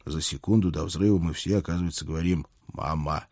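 Brief: male first-person audiobook narrator, dark mellow tone, dry ironic delivery. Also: deep voice, steady tone, quick pace, no room sound. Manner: wry, ironic storytelling.

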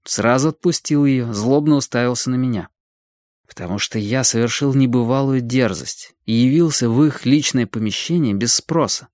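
A man reading an audiobook in a calm, even storytelling manner. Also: mid-range voice, normal speed, no room sound, studio quality. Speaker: audiobook narrator. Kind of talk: audiobook narration.

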